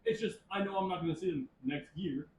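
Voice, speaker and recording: A man's voice: fairly high pitch, brisk. A man playing at a tabletop game, chatting casually and laughing a lot. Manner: animated, laughs a lot, trails off into fillers. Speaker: player. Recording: roomy, distant mic with faint hiss.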